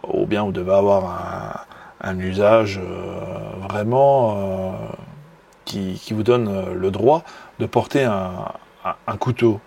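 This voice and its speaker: A Belgian man with a Belgian French accent shows off a knife in a casual video review, hesitant and full of fillers, restarts and admiring enthusiasm. His voice is deep, gravelly, husky and a little mellow, slow with fairly even intonation. He's a knife hobbyist vlogger.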